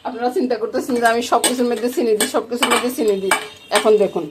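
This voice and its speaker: This cooking vlogger, a middle-aged Bangladeshi woman speaking with a Noakhali Bengali accent, races along in a slightly high, steady-toned voice. She chats casually from her home kitchen and keeps checking in with "you get it?". The sound of frying and sizzling is loud throughout.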